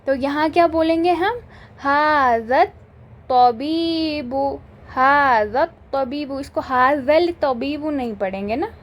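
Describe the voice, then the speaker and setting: A woman with a high voice teaches an Arabic grammar lesson and speaks very slowly and deliberately. She reads each example sentence and then translates it word by word. She often stops to ask if the point is clear. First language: Urdu. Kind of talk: grammar lesson in mixed Hindi-Urdu and English.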